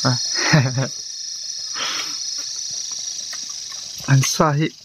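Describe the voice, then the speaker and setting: A man's voice: medium pitch, normal speed, background noise. A man chatting casually and laughing often while out hunting rats. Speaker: rat hunter. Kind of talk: casual chat outdoors.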